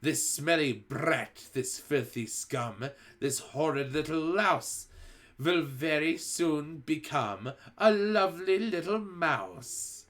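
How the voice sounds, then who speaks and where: A man reading a storybook aloud and voicing a cruel, commanding female witch leader who speaks slowly in a drawn-out, syrupy way. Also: fairly high pitch, huge pitch swings, a bit bright, voice pushed up, full character voice. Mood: gloating, syrupy. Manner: slow, syrupy, drawn-out delivery.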